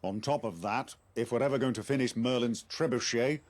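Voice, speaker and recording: A man voices a composed Arthurian officer handing out a quest in a video game. His mid-pitched delivery is formal, articulate and deliberate, with quiet authority. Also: close to an everyday voice. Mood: grave, measured. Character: measured Arthurian knight-officer recruiting an outsider to investigate. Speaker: quest-giving game character. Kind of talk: scripted game dialogue.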